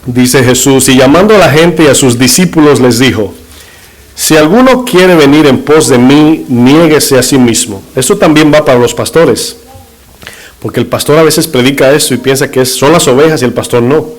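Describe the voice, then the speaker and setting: A man's voice: medium pitch, moderate pace, rough recording. A middle-aged man, a pastor, preaching a sermon in short emphatic phrases and putting rhetorical questions to his congregation. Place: church.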